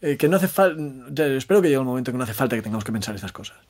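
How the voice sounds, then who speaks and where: A man talks in a reflective, conversational interview style. His pitch sits in the middle range. He pauses to think, repeats phrases and checks in with little tag questions. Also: lively intonation, a little mellow. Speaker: interview guest, maths communicator and storyteller.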